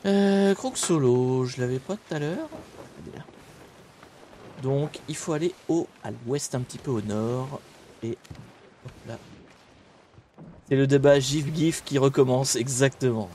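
A man's voice: medium pitch, a little slow, pauses often, slight background noise. Laid-back young male streamer, chatty and rambling, greeting his viewers between restarts. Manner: relaxed, rambling, many fillers and restarts. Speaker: streamer and host. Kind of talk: casual live-stream chat while gaming.

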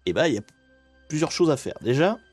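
A man's voice: fairly high pitch, very animated, fast talker, darkish tone, breathy edge, no echo, faint music behind. A man hosting a casual live stream, chatting to viewers with frequent hesitations and restarts.

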